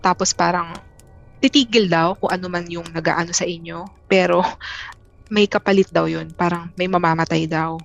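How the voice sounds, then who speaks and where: Halting, soft-pitched woman telling a story. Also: fairly even intonation, creaky. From Philippines. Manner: halting, many restarts and fillers. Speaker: interview guest. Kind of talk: casual storytelling.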